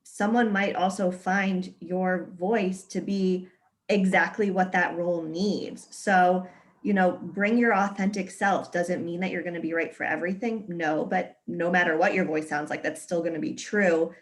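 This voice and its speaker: A woman's voice: fairly low pitch, steady tone, measured pace. A woman casting director giving encouraging, conversational advice in a webinar Q&A over a video call. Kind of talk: webinar Q&A answer.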